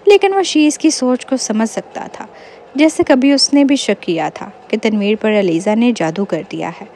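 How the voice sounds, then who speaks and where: Lady reading a novel out, highish voice, faint hiss behind. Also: a little mellow. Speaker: narrator. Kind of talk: scripted novel narration.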